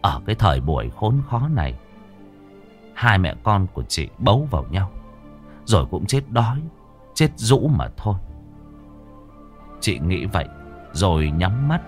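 A man narrating a ghost story in an expressive, dramatic storytelling way. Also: low voice, a little slow, long pauses, faint music behind.

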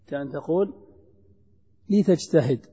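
A man's voice: fairly high pitch, a little slow, warm tone, slightly rough. A man teaching a grammar class, repeating examples and quizzing his students with questions. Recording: dull lo-fi recording with long hall reverb.

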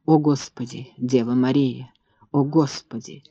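A man voicing a frightened young mother who speaks in a hushed, anxious, soothing way, in a dull, dry recording. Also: fairly high pitch, moderate pace, dry recording, close to an everyday voice.

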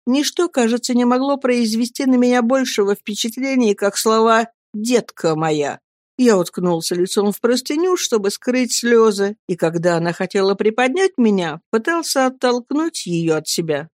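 Expressive woman reading a novel aloud. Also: a little high, moderate pace, hardly any pauses, no echo, studio quality. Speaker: audiobook reader. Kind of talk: scripted audiobook narration.

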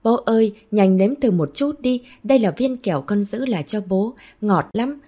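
A woman's voice: mid-range voice, lively intonation, normal speed, warm tone, pitched above the performer's own voice, natural voice. A woman voicing small children who are sweet and eager to please, speaking in a pleading, childlike sing-song. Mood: excited.

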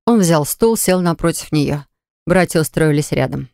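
A woman narrating a novel aloud in an even, measured audiobook reading. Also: low voice, gravelly, no room sound, studio quality. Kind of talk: scripted narration.

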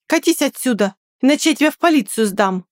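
A woman reading an audiobook and voicing a bold young woman who defends her friend with sharp, threatening words. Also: high-pitched, animated, fast talker, no room sound, clean studio sound, voice pushed up. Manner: sharp, threatening, then coaxing.

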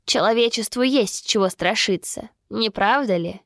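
A woman voicing a calm, ominous male professor who lectures in a slow, measured way. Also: medium pitch, no room sound, clean studio sound, close to an everyday voice.

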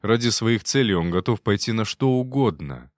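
Brief: male reader doing a frightened young servant, halting and unsure, low voice, lively inflection, dry close sound. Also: no room sound, natural voice. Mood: confessing. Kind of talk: audiobook character voice.

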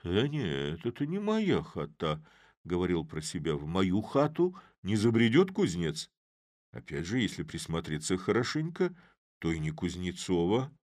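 Brief: man playing a crafty old village grumbler, muttering to himself, lively pitch. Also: moderate pace, no echo, clean studio sound. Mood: musing.

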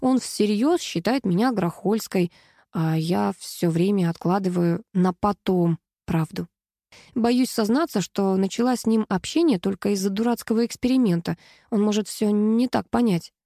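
Female audiobook narrator, expressive first-person read, mellow tone, dry close mic. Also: medium pitch, normal speed, no echo.

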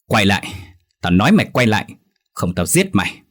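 Guy doing a shrill wheedling ghost lady, low husky undertone, horror audiobook. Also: fairly even intonation, measured pace. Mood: furious. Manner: luring, then raging, then whimpering like a child. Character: vengeful female hanging ghost, shrill and wheedling. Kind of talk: audio horror story reading.

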